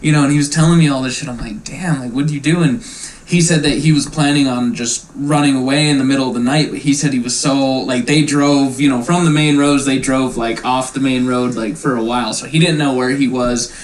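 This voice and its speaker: A man's voice: medium pitch, fairly even intonation, brisk, low-quality recording. A man hosting a casual podcast, telling a long story loosely and profanely. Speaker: podcast host. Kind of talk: casual stoner chat, storytelling.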